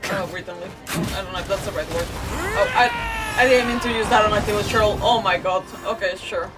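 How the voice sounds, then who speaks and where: A female game streamer gives casual live commentary, thinking aloud and swearing mildly, in a sing-song, mid-range voice at a moderate pace. The mic is distant and loud game music plays in the background.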